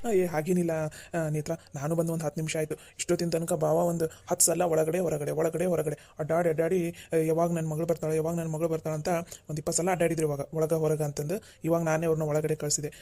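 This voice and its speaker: A woman's voice: low voice, flat delivery, quick pace, warm tone. A woman voicing a helpful young man in a cartoon, who chats and reassures the others. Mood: chatty. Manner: chatty, reassuring. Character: helpful young man, the father's brother-in-law. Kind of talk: Kannada cartoon voice acting.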